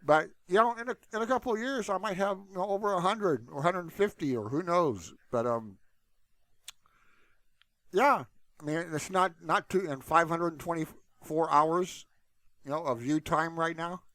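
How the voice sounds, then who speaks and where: Talking to his viewers informally without a script, this man hosts his own YouTube channel and keeps dropping in "you know". He speaks at normal speed in a fairly high, fairly bright voice, with no echo.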